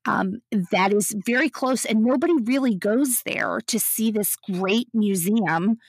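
A woman's voice: mid-range voice, unhurried, no echo. A woman co-hosting a casual travel chat, storytelling and filling her talk with "you know.". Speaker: podcast co-host.

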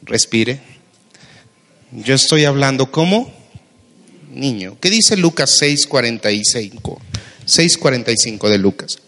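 A man's voice: mid-range voice, expressive, unhurried, pauses often, a bit bright. A Mexican man preaching a sermon as pastor, asking his listeners questions and calling them brother. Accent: Mexican Spanish. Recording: long hall reverb.

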